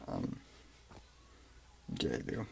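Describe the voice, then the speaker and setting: A man's voice: very slow, dark tone, a little hiss or hum, rough recording. A young man rambling through a personal story in a casual vlog, swearing often and using lots of fillers. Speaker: vlogger.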